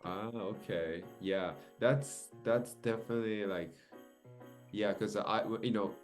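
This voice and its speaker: Deep-voiced male interviewer from Japan, meandering, filler-heavy delivery. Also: steady tone, measured pace, faint music behind. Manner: rambling, many fillers and restarts. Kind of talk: casual video-call interview.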